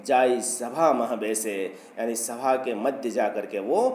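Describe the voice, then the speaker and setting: A man's voice: medium pitch, a little mellow, slight background noise. Male teacher explaining poetry, roomy echo. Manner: explains line by line, recites verses slowly. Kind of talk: classroom lecture explaining poetry.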